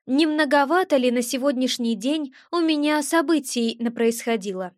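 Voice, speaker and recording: High-voiced woman narrating a fantasy audiobook. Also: normal speed, no room sound, studio quality.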